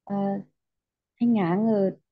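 A woman's voice: medium pitch, steady tone, very slow, dry recording. A female student politely answering and explaining her reasoning in an online class. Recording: dull dry call audio.

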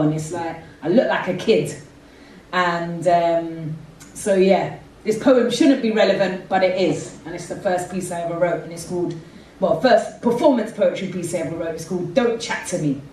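A woman's voice: medium pitch, a little mellow, far from the mic, a little hiss or hum. A woman, performing spoken word poetry on a theatre stage into a handheld mic, with rhythmic street-inflected delivery. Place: theatre stage with red curtains. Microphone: handheld mic, far camera. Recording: very echoey hall, heard from afar.

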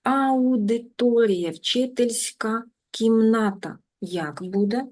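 A woman teacher giving an online language lesson, patient, slowing down and repeating words so learners can follow. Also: on the high side, darkish tone. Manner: patient, repeats words slowly and drills them. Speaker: German teacher.

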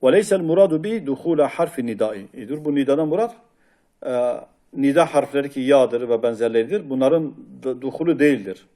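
Speaking a little fast in a dark, mid-range voice, a man works through a classical grammar text in a lesson. He reads each Arabic passage aloud and follows with a Turkish explanation, peppered with frequent hesitation sounds.

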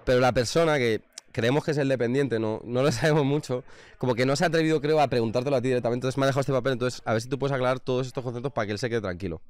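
A man from Spain hosting a casual interview, upbeat and quick, filling with constant "vale". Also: medium pitch. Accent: Spain Spanish. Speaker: interviewer host.

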